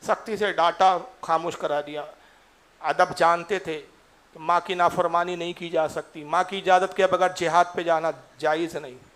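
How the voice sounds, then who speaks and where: High-voiced impassioned male preacher. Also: steady tone, a bit bright, slight background noise. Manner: impassioned, with colloquial asides to the listeners. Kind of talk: sermon storytelling.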